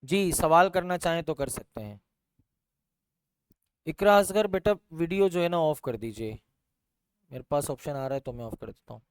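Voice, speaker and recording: A man teaches an online English class, patiently walking through example words and repeating them. His voice sits high and comes across smooth and clear. The sound is dry and close to the mic, as on a video call. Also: lively intonation, normal speed, pauses often, no room sound. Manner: explains patiently, repeating example words and saying "theek hai" often; Urdu-flavoured Hindustani speech with English terms mixed in.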